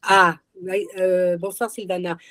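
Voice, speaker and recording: A woman exam candidate asking a question, halting and searching for words. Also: fairly low pitch, little pitch movement, fairly bright tone, no echo.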